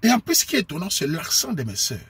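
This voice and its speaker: A man from Cameroon with a Cameroonian French accent, delivering a preachy, scolding monologue to his viewers and sometimes bursting into shouts. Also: fairly high pitch, wildly swooping pitch, fast talker, husky, no echo. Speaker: online commentator.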